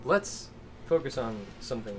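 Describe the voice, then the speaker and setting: A man's voice: medium pitch, expressive, moderate pace, slight background noise. Patient young man explaining step by step. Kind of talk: casual chat while drinking.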